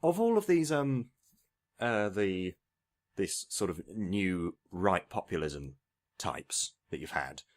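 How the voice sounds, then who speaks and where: A man co-hosting a podcast, chatting casually about politics, mostly short agreeing replies with stretches of measured reasoning. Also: deep voice, expressive. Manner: brief agreeing interjections, then measured reasoning. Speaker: podcast co-host.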